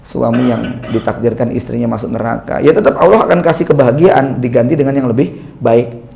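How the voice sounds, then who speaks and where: A man's voice: medium pitch, fairly quick, vocal fry, a crowd in the background. A man preaching in a chatty, conversational lecture style, throwing rhetorical questions at his listeners and acting out small bits of dialogue. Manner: acts out little quoted dialogues. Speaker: Islamic preacher.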